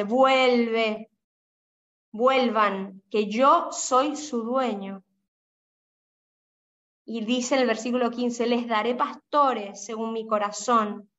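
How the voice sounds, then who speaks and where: A woman with a Caribbean Spanish accent teaches a Bible study and explains each point patiently. She keeps checking in with her listeners with short "¿no?" and "¿sí?" questions. Her voice sits fairly high, and the recording sounds dull and lo-fi. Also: a bit bright. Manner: explanatory, asks listeners with frequent "¿no?" and "¿sí?".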